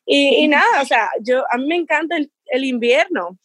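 A woman from the Caribbean, in her thirties, tells a personal story as a guest. Her voice sits high, and she laughs often. The recording is dry and close. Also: expressive, normal speed, a bit bright, dry recording. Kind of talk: casual interview.

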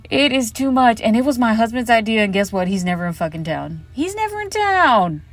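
With a slightly high voice, big pitch swings and a moderate pace, a woman runs her solo podcast from a hotel closet where her mic is set up. She chats casually, telling candid stories laced with lots of swearing.

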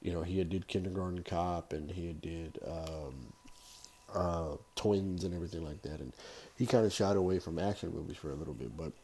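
Podcast host, middle-aged man: low-pitched, husky voice, casual and rambling solo review delivery. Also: dark tone. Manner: rambling, halting.

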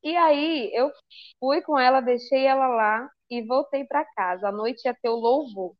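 A high-pitched Brazilian woman recounts her faith story to a listening group, slipping into the voices of the people she quotes. The sound is dry and a bit muffled, with no room echo. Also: a little slow. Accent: Brazilian Portuguese. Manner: lively storyteller who acts out quoted dialogue. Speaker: speaker giving a religious testimony. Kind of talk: personal testimony told to a live group.

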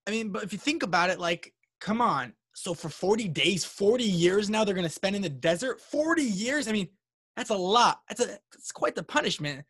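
A man's voice: sits high, expressive, normal speed, fairly bright tone, husky. A man co-hosting a podcast, chatting casually, asking questions and reacting with enthusiasm. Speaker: podcast co-host.

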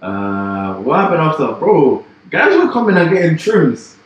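A man's voice: a little high, sing-song, measured pace, highs cut off. A young man co-hosting a podcast, chatting casually with jokey, rambling banter. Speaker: podcast co-host. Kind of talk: casual chat. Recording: echoey room.

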